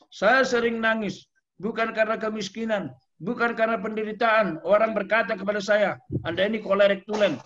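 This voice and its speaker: A man preaching a sermon as pastor, emotional and exclamatory, addressing the audience directly. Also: sits high. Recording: dull lo-fi sound.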